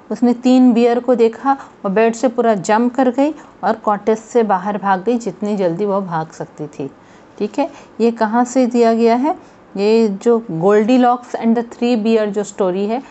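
Woman teacher for young kids, slow and patient, mellow tone, lo-fi recording. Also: a little high. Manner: slow, patient explaining with frequent "ठीक है" and questions to pupils. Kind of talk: textbook lesson explained in Hindi with English read-aloud.

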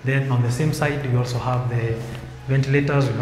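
A man's voice: medium pitch, steady tone, moderate pace. A young man from Kenya guiding viewers through an empty apartment, pointing out each room as he walks. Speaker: house tour vlogger. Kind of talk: walking house tour guide. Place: empty apartment rooms, indoors. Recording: echoey empty rooms with music. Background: music bed under the voice.

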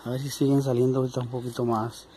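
Un hombre con acento mexicano que responde con frases cortas y animadas mientras acompaña a su compañero en el campo. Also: male voice, medium pitch, level tone, very fast, crowd noise.

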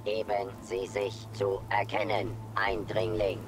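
A man's voice: on the low side, completely flat delivery, slow pace, background noise. A man voicing a stern male security robot in a video game, giving clipped, commanding announcements to an intruder. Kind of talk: video game character dialogue.

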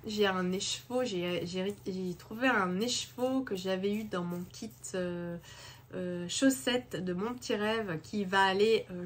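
A woman chatting casually about knitting and books in a rambling way, full of hesitations. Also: medium pitch. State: hoarse from a head cold. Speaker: craft vlogger. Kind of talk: casual chat. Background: washing machine running.

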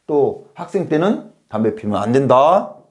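Here a man acts out a schoolteacher for a comedy class, berating the pupils with rhetorical questions and a habitual "어?". He speaks at a measured pace in a medium pitch that swings widely up and down.

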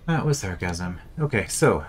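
Low-voiced man thinking aloud over gameplay. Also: very animated, normal speed. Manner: muttering, thinking aloud, dry sarcasm. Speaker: gameplay commentator. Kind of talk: casual let's-play commentary.

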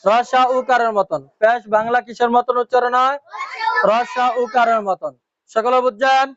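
Slow, patient man drilling a class. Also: very high-pitched, steady tone, highs cut off, noisy background. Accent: Comilla Bengali. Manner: drills pupils with repeated questions and answers. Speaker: Quran teacher. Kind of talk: slow classroom lesson with repetition.

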